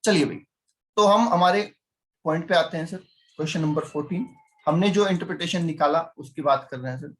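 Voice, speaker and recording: A man's voice: fairly high pitch, fairly quick. A male teacher giving a chatty lecture, teasing his students and constantly quizzing them. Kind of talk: classroom lecture.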